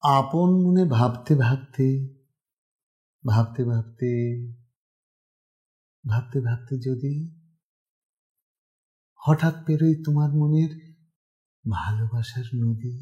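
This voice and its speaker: A man who is a recitation student, singing vowel exercises and reciting a short poem in a soft, drawn-out, melodic way. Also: mid-range voice.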